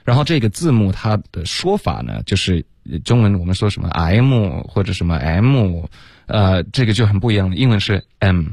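A male English teacher on a radio lesson, his voice sitting very low. He explains pronunciation and mixes in English phrases. The sound is close and dry with no room. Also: big pitch swings, creaky, darkish tone, dry recording. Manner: mixes English words into his talk, models words slowly.

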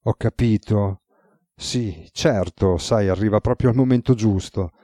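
A weary, ironic male god with a relaxed, teasing way of speaking, voiced by a man reading a novel aloud. The voice sits low and mellow. The recording is close and dry. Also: measured pace, no room sound, lightly acted. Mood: calm.

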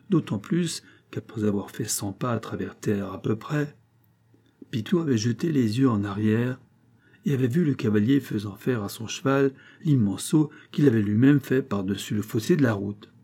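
A man reading an audiobook aloud in a measured, expressive narrating style. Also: medium pitch, breathy edge.

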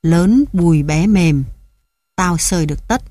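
A man's voice: fairly high pitch, a little slow, warm tone, no echo, studio quality, lightly acted. A woman reading the part of a greedy, domineering old village chief who makes coarse threats. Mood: threatening.

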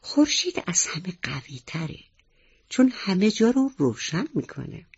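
Brief: curious young mouse boy, read by a woman storyteller, earnest, lively, slightly husky. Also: deep voice, dull audio, heavily acted. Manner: earnest, questioning. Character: curious little male mouse child.

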